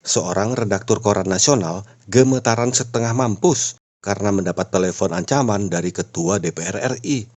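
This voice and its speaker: A man narrating comic stories in a steady, plain storytelling voice. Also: fairly low pitch, normal speed, a little hiss or hum. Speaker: joke narrator.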